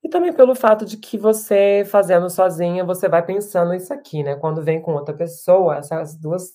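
This performer and musician, a woman in her thirties, speaks fairly quickly in a low, dark voice. Her casual interview talk is reflective, full of restarts and tag questions.

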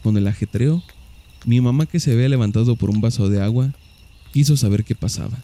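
A man reading a first-person story aloud in slow, measured scripted narration. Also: mid-range voice, mellow.

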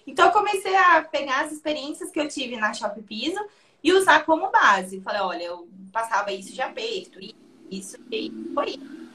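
A young woman with a Brazilian accent tells a story in casual talk, slightly high in pitch. She laughs easily and slips into quoted dialogue as she goes. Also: normal speed. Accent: Brazilian Portuguese. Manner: lively, laughs often, acts out quoted dialogue. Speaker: interview guest.

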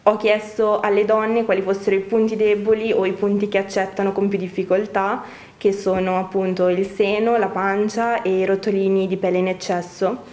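A young woman speaks through a face mask in a roomy, echoing space. Her pitch stays fairly flat as she answers interview questions about her work. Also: moderate pace. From Brescia, northern Italy. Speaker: interview guest, young fashion designer. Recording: roomy, echoing indoor sound.

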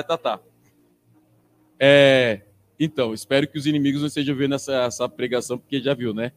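A man preaches with lively, humorous storytelling. His voice sits a little high for a man. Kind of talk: sermon with personal stories.

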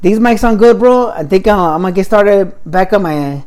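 A man's voice: high voice, animated, normal speed, a little mellow. A man co-hosting a podcast recorded in a garage, chatting casually and rambling, often adding man, bro and you know. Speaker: podcast co-host.

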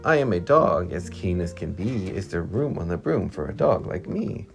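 A woman's voice: extremely low pitch, big pitch swings, normal speed, vocal fry, full character voice. A woman voicing an eager, keen male dog in a storybook reading. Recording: music playing behind.

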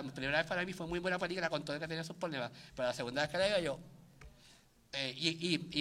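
Male co-host, bright tone, lively storyteller with many restarts. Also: on the high side. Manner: animated, acts out his own reactions, many restarts. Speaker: podcast co-host. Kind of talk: casual chat.

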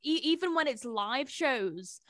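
A woman's voice: high-pitched, animated, a little slow, a bit bright, no echo, studio quality. A woman hosting an interview show, talking in a casual, informal and slangy way.

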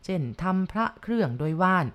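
A woman's voice: fairly quick, natural voice. A woman doing a boastful rich old man. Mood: insistent. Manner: emphatic, insistent.

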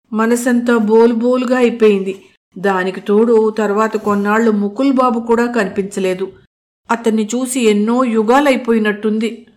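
Expressive woman audiobook narrator. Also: medium pitch. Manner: expressive first-person storytelling.

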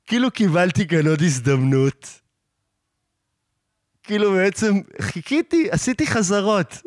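A man's voice: a little high, no echo, studio quality. A young man hosting a podcast, telling a story in a casual monologue, laughing often and raising his voice to act out quoted lines. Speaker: podcast host.

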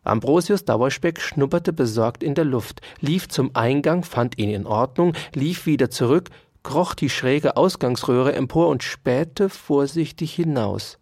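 A storyteller reading a children's animal tale at an unhurried pace. The reading rises and falls in a lively, expressive way. The recording is dry and close, with no room sound. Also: medium pitch, dry recording. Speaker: narrator.

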